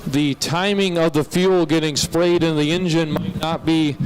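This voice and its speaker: A man's voice: on the high side, fairly even intonation, measured pace. An American man giving folksy, explanatory live commentary as a tractor pull announcer outdoors. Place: outdoor motorsport track. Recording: noisy outdoor event, vehicle engines.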